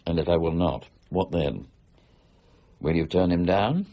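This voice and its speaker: An actor playing Isaac Newton as a proud, stern, middle-aged official in a period radio drama, speaking with emphatic, deliberate authority. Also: male voice, deep voice, muffled recording. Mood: stern anger.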